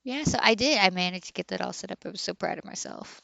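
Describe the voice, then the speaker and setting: A woman's voice: mid-range voice, quick pace, gravelly, fairly bright tone, dry recording. Rambling, candid woman streamer. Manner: rambling and candid, full of fillers and "right?". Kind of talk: casual chat while streaming a game.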